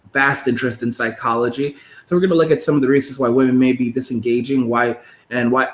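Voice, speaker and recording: A man's voice: mid-range voice, fairly bright tone, echoey room. A man in his thirties hosting a casual interview, rambling, with frequent restarts. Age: 30s. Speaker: podcast host.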